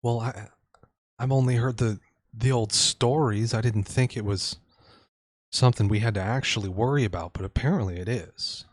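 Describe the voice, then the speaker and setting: A man plays a rattled villager who stumbles through every sentence. The voice sits low, and the sound is close and dry. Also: no echo, lightly acted. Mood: shaken. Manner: hesitant, halting speech with restarts. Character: shaken, reluctant local who found a body.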